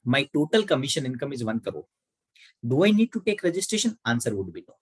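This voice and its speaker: A man's voice: medium pitch, sing-song, fast talker, breathy edge, dry recording, rough recording. A man with an Indian English accent giving an online tax lecture, asking and answering his own questions and repeating key points. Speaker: tax educator.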